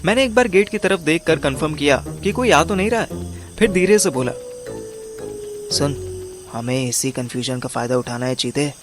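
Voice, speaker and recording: With music in the background, a man with a fairly high, close-to-everyday voice narrates an audio drama at a moderate pace, his intonation lively. He voices the lead, an overweight, scheming male amateur detective recounting his story, in a wry, colloquial, conspiratorial way.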